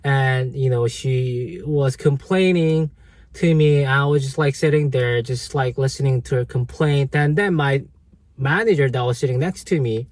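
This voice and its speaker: A vlogger with a medium-pitched, darkish voice unhurriedly tells his viewers a story from an old job, rambling with lots of fillers, restarts and "right?". The recording has no room sound.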